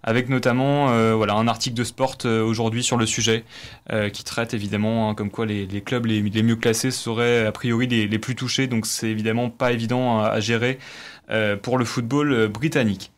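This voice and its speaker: A man's voice: medium pitch, level tone, brisk. Hesitant man reading sports press. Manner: hesitant, many fillers and restarts. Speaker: press review presenter on student radio. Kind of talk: radio press review.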